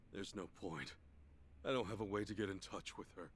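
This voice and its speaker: An actor playing a brash, hot-headed former gangster in a video game cutscene, blunt and defiant, with game music behind. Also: male voice, high voice, huge pitch swings, unhurried, a bit bright, a little hiss or hum, full character voice. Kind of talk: game dialogue acting. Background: game music score.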